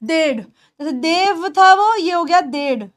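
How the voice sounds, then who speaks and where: A woman with a very high voice and an Indian accent gives a beginners' English lesson. She talks slowly and deliberately, repeating each short form again and again so learners can copy it. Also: animated. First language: Hindi. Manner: explains in Hindi, repeats English words slowly for pronunciation. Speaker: English teacher.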